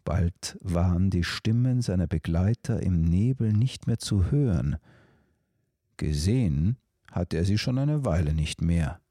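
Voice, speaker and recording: A man narrating a storybook in a calm, measured way. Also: deep voice, slightly rough, dry recording, clean studio sound.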